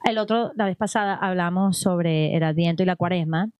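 A woman's voice: fairly low pitch, brisk, smooth, dry recording, studio quality. Chatty woman musing on faith. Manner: animated, rambling, frequent "o sea" and "¿ok?". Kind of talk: casual religious conversation.

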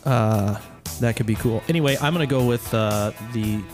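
A man's voice: mid-range voice, normal speed, music in the background. A man on a radio show panel, joking and hesitating as he picks his quiz answers. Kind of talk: casual radio quiz chat.

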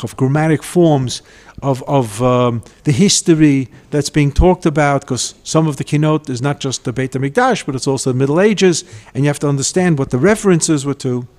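A man teaching a Torah class as a lecture on a liturgical poem. He reads the Hebrew verses slowly and deliberately, explains them, and grows emphatic when stressing a point. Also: on the high side, expressive, a little mellow. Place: lecture hall at a community center.

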